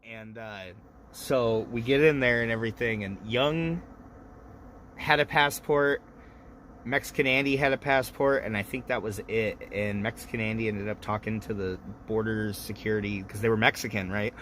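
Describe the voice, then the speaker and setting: A man's voice: lowish voice, fairly even intonation, normal speed, fairly bright tone, a little hiss or hum. A man in his thirties hosting a livestream, telling rambling, profane stories while a little drunk. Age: 30s. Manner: loose, profane storytelling. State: tipsy. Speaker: livestream host. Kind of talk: casual rambling chat.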